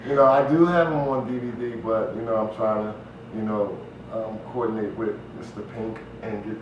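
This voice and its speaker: In a relaxed interview, this guest, who writes and produces for the stage, talks on in a rambling way with plenty of "you know." His voice is on the low side with fairly even intonation at normal speed, and the recording sounds distant, dull, noisy and very echoey.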